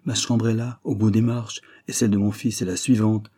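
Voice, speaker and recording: A man's voice: on the low side, level tone, a little fast, warm tone, close to an everyday voice. A man reading an audiobook, voicing an impatient older magistrate who speaks curtly. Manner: curt, impatient.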